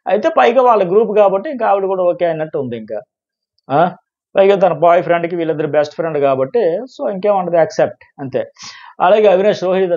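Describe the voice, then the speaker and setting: A man giving fast live commentary on a reality show, emphatic and excitable. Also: fairly high pitch, highs cut off. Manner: excited, emphatic, quotes contestants in quick bursts.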